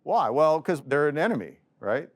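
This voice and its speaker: Lively joking male economics lecturer. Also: a little high, normal speed. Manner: lively, joking storyteller voicing quoted arguments. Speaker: economics professor. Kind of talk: classroom lecture.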